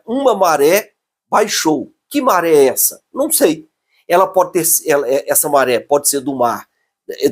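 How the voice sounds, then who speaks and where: A husky-voiced Brazilian man giving an online grammar lesson. He speaks in a slow, emphatic teacher's manner and keeps checking that the viewer is following. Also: a little high, darkish tone. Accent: Brazilian Portuguese.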